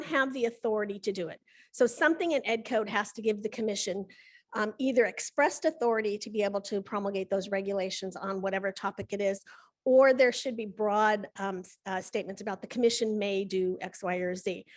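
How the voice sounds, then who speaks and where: Woman presenting on regulations. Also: mid-range voice. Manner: conversational with frequent fillers. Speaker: commission staff presenter. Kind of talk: workshop presentation.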